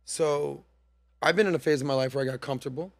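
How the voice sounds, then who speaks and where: Guy in his 40s hosting a podcast, kinda high voice, dry studio mic sound, tells stories and does little voices. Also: fast, vocal fry, dry recording. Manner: animated storytelling, acts out quoted voices. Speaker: podcast host. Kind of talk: casual podcast chat. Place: studio set. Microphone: studio mic on boom arm.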